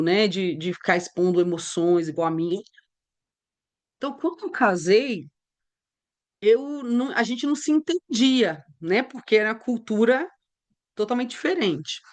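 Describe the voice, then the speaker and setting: Animated woman teaching. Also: medium pitch. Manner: conversational, animated storytelling with acted dialogue. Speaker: Bible teacher.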